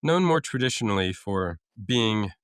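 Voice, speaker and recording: A man's voice: on the low side, expressive, normal speed, fairly bright tone, clean tone, no echo, clean studio sound. A man co-hosting a casual podcast, reading out food trivia with frequent uhs and restarts. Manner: reads out facts with many uhs and restarts. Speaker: co-host.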